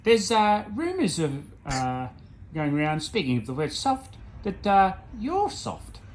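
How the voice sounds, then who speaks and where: Man playing an animated, needling local reporter. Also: sits high, a little slow, a little hiss or hum, heavily acted. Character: mock-earnest, needling male local newspaper reporter. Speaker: interviewer. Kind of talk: mock sports interview.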